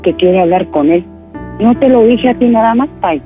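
A man's voice: sits high, animated, moderate pace, soft background music. A man putting on the voice of a hurt, furious woman who scolds a male friend for betrayal in a prank phone call, with a Mexican accent. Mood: indignant. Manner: scolding, insistent, talks over the other. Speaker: prank caller.

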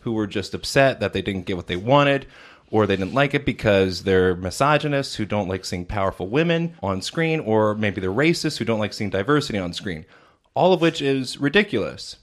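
A man's voice: on the low side, expressive, moderate pace. Opinionated man in casual film chat. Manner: opinionated, critical, with frequent fillers. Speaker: podcast co-host reviewing films. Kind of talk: casual movie review chat.

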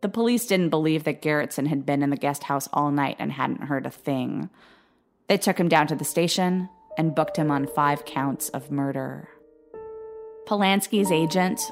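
Low-voiced woman narrating true crime. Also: soft background music. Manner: measured, grave storytelling with quoted voices. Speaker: podcast narrator.

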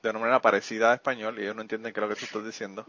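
A man hosts a casual interview chat, friendly and quick to laugh, drifting into rambling asides. His lowish voice barely moves in pitch and comes out rapid-fire, pushed and bright. The audio is dry with no echo, muffled and lo-fi.

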